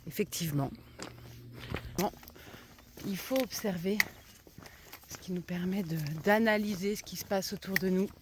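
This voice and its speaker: A woman with a medium-pitched voice and a slight lisp vlogs casually while hiking a country trail, speaking unhurriedly and pausing often. She muses aloud to herself and her viewers, and the outdoor background noise comes through clearly.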